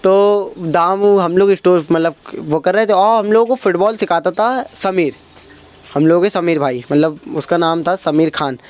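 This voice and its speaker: A man's voice: high-pitched, fairly even intonation, moderate pace. A young man doing stand-up, telling a childhood story and acting out his friends' lines. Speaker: stand-up comedian.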